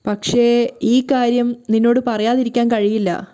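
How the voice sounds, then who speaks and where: A woman voicing a sorrowful middle-aged father who talks slowly, solemnly and carefully. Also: on the high side, flat delivery, dark tone, clear, resonant tone, natural voice.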